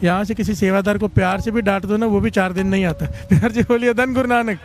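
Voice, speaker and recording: A man preaching a devotional storytelling sermon to a congregation, exhorting them to call and respond and rising in pitch as he urges them on. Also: fast, soft background music. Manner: animated, rises in pitch on exhortations. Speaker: Sikh katha preacher. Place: religious gathering before a congregation.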